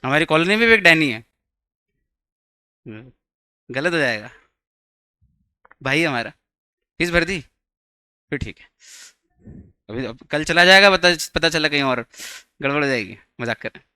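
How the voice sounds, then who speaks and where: High bright-voiced man teaching law. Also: lively intonation, measured pace, pauses often, smooth, no room sound. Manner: chatty, teasing, quizzes students. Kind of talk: classroom lecture with jokes. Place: classroom.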